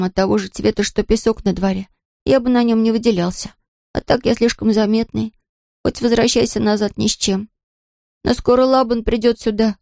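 A woman's voice: high voice, creaky, darkish tone, dry recording, studio quality, pitched above the performer's own voice. A woman voicing a timid, fretful young male fox in a storybook reading. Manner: fretful, pleading.

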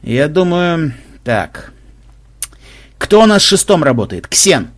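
A man voicing a bossy male team leader who barks orders in a brisk, blustering way. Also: fairly high pitch, sing-song, full character voice.

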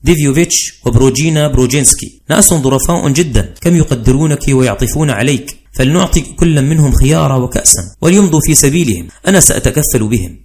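A man's voice: medium pitch, expressive, quick pace, few pauses, close to an everyday voice. A man doing a fussy henpecked commander. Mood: wheedling. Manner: fussy, wheedling, voice swinging between soft and loud. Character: henpecked middle-aged male commander, pleading. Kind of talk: dramatized audiobook reading.

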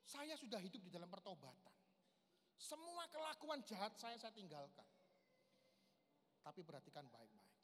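At a men's camp, in a large hall with strong reverb and faint background noise, a lay preacher in his 40s shares an emotional church testimony. Very animated at normal speed with long pauses, he swings between loud, high outbursts and hushed, low stretches, repeatedly calling the audience his brothers.

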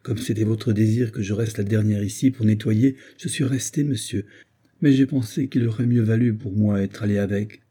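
A man's voice: fairly low pitch, steady tone, normal speed, mellow, breathy edge. A man reading an audiobook, voicing a frightened, deferential housekeeper woman. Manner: timid, deferential.

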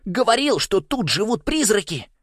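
Male narrator doing an excitable boy, loud and high, bouncing all over. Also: slow, slightly rough, no echo, studio quality, exaggerated voice. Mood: excited. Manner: loud and eager. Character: excitable boy who believes in ghosts.

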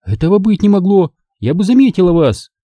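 A man voicing a rich, indignant middle-aged woman who protests in a shrill, squealing voice. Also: sing-song, brisk, warm tone, no room sound, dull audio.

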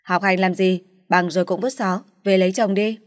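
A woman's voice: mid-range voice, brisk, no room sound, clean studio sound, close to an everyday voice. A woman voicing a stern, scolding middle-aged mother in a dramatized story. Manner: harsh, scolding.

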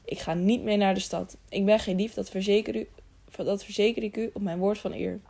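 Woman narrator playing an earnest young man, pleading, mellow and gravelly. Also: medium pitch, steady tone, a little fast. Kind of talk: audiobook character reading.

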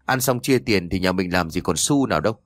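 A gruff, grumbling village husband with a scheming streak in an audio storybook, as a male narrator puts him on. His voice sits low and swings with feeling. The sound is dry and close. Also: expressive, fairly quick, no room sound.

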